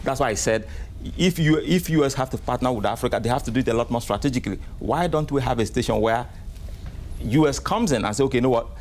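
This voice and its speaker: A man answering as a guest in an interview, measured and often checking in with "right?". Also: mid-range voice, slight background noise.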